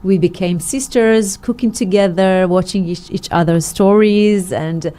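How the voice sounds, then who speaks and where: Interviewed as a guest, a middle-aged singer from Israel recounts her story full of fillers and restarts. She speaks a little slowly in a mellow, mid-range voice.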